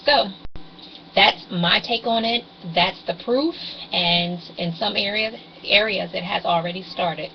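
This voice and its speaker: A woman's voice: medium pitch, a little slow, vocal fry, dull audio, slight background noise. A woman in her forties vlogging about couponing over a webcam in a rambling, hesitant way with frequent ums, her voice carrying fuzzy distortion. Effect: fuzzy distorted webcam audio. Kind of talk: casual rambling explainer.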